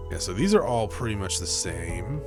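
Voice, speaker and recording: A man chatting through a video game playthrough in a mid-range voice, casual and joking. His pitch swings a lot from line to line. Faint game music plays behind him. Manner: offhand and joking, with laughs. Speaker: gaming channel host. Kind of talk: casual let's play commentary.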